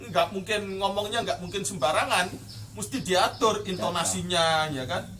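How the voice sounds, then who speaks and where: A man with a Javanese accent recites a classical Islamic text in traditional pesantren style, reading the Arabic, glossing it word by word in Javanese, then explaining it in Indonesian. His high voice is bright and forceful at a moderate pace, and he is far from the mic.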